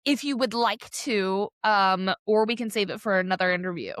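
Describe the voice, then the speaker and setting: A woman's voice: medium pitch, moderate pace, a bit bright, no room sound, studio quality. Young woman interviewing her mother. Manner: brief supportive replies and laughter. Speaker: interviewer, daughter. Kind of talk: casual interview.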